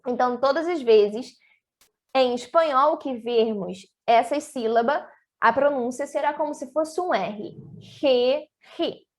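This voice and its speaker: A woman teaching an online language lesson, speaking slowly and carefully and drawing out syllables for students to repeat. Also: sits high. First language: Portuguese. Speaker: Spanish teacher.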